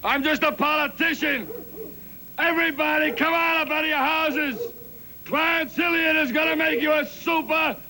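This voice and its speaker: A man playing a shouting politician who calls townsfolk out of their houses, in a hammy, drawn-out barker delivery. The voice is heard from a distance, over faint outdoor ambience. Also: very high voice, fairly even intonation, slight background noise, heavily acted. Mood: rallying.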